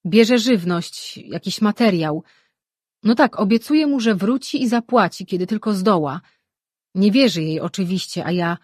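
A woman voicing a skeptical, sour-tongued sorceress in an audiobook, reading in a husky voice. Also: mid-range voice, expressive, measured pace, no echo, studio quality. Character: sharp, sour-tongued female sorceress twin.

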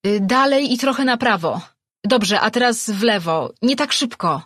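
A man's voice: high voice, lively intonation, unhurried, husky, no room sound, clean studio sound, exaggerated voice. A man voicing a young woman explorer, a cautious thinker in a cave story, speaking earnestly and calling out urgently.

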